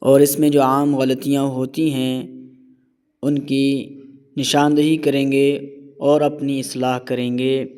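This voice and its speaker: A man teaching correct Quran recitation, explaining each common mistake and then slowly demonstrating the right sound. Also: medium pitch, dark tone, smooth. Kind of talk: explaining recitation rules step by step.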